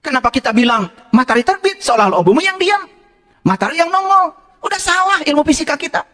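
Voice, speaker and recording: A man's voice: extremely high pitch, animated, fast, bright, forceful tone. A man giving an interactive religious lecture, teasing and quizzing his audience. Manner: playful, quizzes and teases the audience, switches into local phrases. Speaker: religious teacher.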